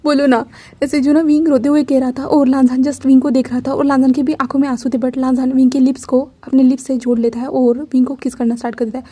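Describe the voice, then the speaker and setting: A woman's voice: high voice, level tone, quick pace, few pauses, dark tone. A woman narrating a fan fiction love story in a chatty, repetitive way.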